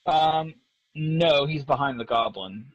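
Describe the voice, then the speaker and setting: A man running a tabletop game as dungeon master, narrating in a halting way with many ums and restarts. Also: a little high, no room sound, lo-fi sound.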